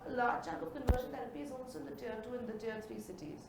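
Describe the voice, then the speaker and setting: Woman panelist, posh Indian accent, higher voice, distant in a very echoey room. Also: very fast, creaky, noisy background. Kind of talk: impassioned panel discussion.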